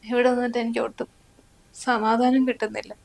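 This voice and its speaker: A woman's voice: on the high side, brisk, gravelly, rough recording. Tearful young wife, played by a woman. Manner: soft, pleading, flat delivery. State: crying. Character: ill, tearful young wife, gentle and resigned. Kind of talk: family short film acting.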